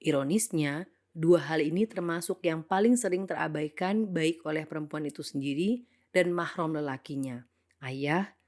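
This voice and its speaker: A young woman with a somewhat low voice narrates a reflective monologue. She speaks earnestly and thoughtfully, weighing each point. English phrases come up now and then in her narration. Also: normal speed, darkish tone.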